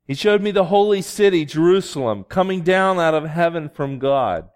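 A man preaching as a pastor, reading scripture and speaking to a congregation in a deliberate, pausing way. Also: fairly high pitch, smooth. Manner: slow, deliberate, with long pauses.

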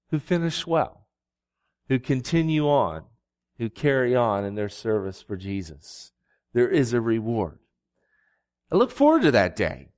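Slow-paced male pastor giving a sermon. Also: medium pitch, a little mellow. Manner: slow, deliberate, with long pauses. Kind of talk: sermon with scripture reading.

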